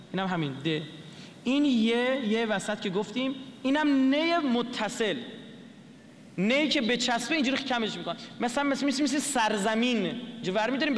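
Very high-voiced male lecturer in a hall. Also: slight background noise. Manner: explains letter by letter, asks the audience questions. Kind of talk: lecture to an audience.

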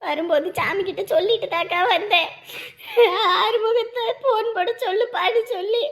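A woman's voice: very high voice, normal speed, fairly bright tone. A woman playing a frantic village wife who wails and pleads in panic. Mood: fearful. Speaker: worried wife in a village drama. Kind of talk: rural Tamil drama acting.

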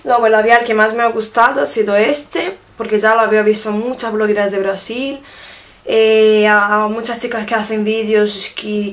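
A woman casually reviewing makeup gifts, showing each item to the camera and often checking in with her viewers. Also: mid-range voice. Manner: chatty, often checks in with a quick question tag; shows items to the camera while talking. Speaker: beauty vlogger.

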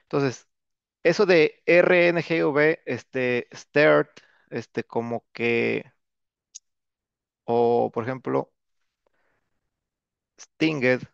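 A man's voice: mid-range voice, steady tone, very slow, creaky, pauses often, smooth, no echo. A man teaching an English grammar lesson in a casual classroom manner, often tagging his sentences with a questioning "no". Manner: casual, repeats filler "¿no?" and "este". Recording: dull, lo-fi dry recording.

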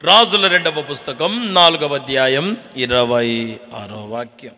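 A male pastor preaching with call-and-response, swinging between loud shouts and hushed whispers, and calling on the congregation to repeat after him. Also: mid-range voice, unhurried, long reverb tail. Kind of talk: Telugu sermon with call-and-response.

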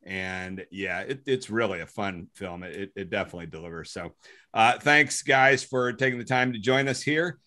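A man's voice: lowish voice, moderate pace, sharp tone. A man hosting a casual conversation, upbeat as he wraps things up and thanks his guests. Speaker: host.

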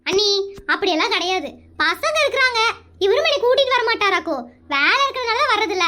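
A woman's voice: extremely high pitch, lively intonation, pushed and bright. A woman playing a suspicious, nagging wife in a comedy skit. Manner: nagging, suspicious, quick-witted.

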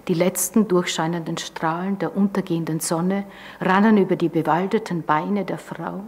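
A woman with an Austrian German accent giving a calm, measured reading of a literary prose text. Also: lowish voice, slightly rough. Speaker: author reading.

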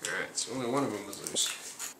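A man's voice: lowish voice, lively intonation, a little fast. Young frat bro guy, swears casually, talking car repair, tools clanking in the garage. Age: young adult. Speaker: car channel host and mechanic. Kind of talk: casual chat while working on a car. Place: home garage. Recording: clattering tools and noise in garage.

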